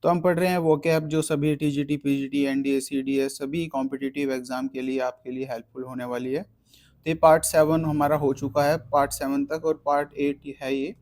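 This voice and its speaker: A man teaching a vocabulary lesson, explaining slowly with spelled-out words and memory tricks. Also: on the high side, flat delivery, a little mellow.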